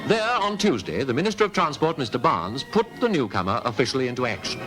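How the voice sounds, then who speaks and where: A man with a British Received Pronunciation accent narrates a 1950s newsreel in a formal, polished, emphatic style, his medium-pitched voice very animated and fast. The vintage soundtrack carries music behind him.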